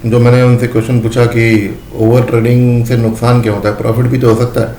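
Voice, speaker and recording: A man's voice: mid-range voice, flat delivery, fast talker, mellow, echoey room. A man teaching a lesson, repeating his points and often calling his listeners friends. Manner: repetitive, addresses listeners as friends. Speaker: trading educator. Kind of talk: explanatory lesson.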